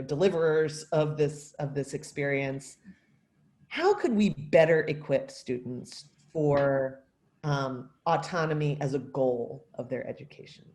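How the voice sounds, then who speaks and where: A woman with a notably low voice leads a casual group discussion. She puts questions to the group in a halting, conversational way, rewording as she goes. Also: a little mellow. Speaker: discussion facilitator.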